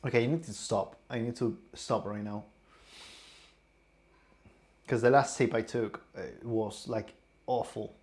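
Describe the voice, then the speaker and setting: A young man, tipsy and queasy, rambling casually in a vlog with halting repeated words. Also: mid-range voice, steady tone, darkish tone. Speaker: streamer. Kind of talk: casual vlog, taste testing.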